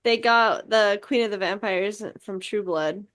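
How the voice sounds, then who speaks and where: A chatty woman co-hosting a podcast, rambling through fillers and the odd swear. Her voice sits at an ordinary female pitch and she sounds relaxed. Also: measured pace, a loud crowd. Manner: rambling, fills with like and um, swears casually. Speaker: podcast co-host. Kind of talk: casual chat.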